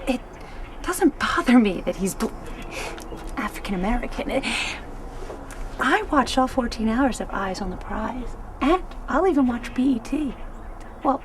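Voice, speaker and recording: A woman's voice: a little high, expressive, unhurried, pauses often, background noise. An actress playing a prim, nosy middle-aged mother who pries politely, in stage comedy acting. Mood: hushed.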